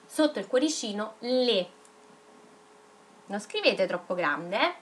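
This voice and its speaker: A woman teaching young children in a video lesson, dictating words slowly and spelling them out syllable by syllable. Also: medium pitch, animated. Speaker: primary school teacher.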